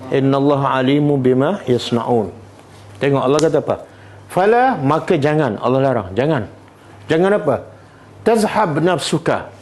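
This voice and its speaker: A middle-aged religious teacher with a Malaysian Malay accent leads a Quran study class, often quizzing students with short questions and reciting verses slowly. His mid-range voice is expressive and a little mellow.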